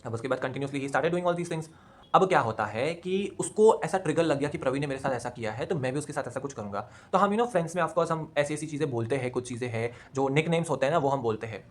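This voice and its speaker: A man's voice: medium pitch, animated, fast talker. A young man chatting casually at home, telling a personal story and mixing English phrases into his talk.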